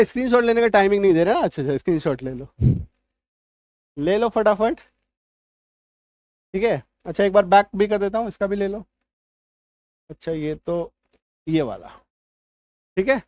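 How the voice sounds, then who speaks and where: पुरुष अंग्रेज़ी शिक्षक, सूखी नज़दीकी आवाज़. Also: male voice, high-pitched, animated, fairly quick, darkish tone, no echo, clean studio sound. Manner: patient, repeats words, checks understanding often. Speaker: English teacher. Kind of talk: online spoken English lesson.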